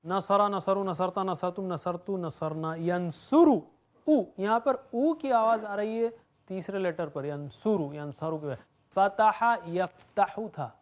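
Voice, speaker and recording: A man teaching Quranic Arabic grammar, drilling verb forms in a rhythmic chant and explaining in between. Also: high-pitched.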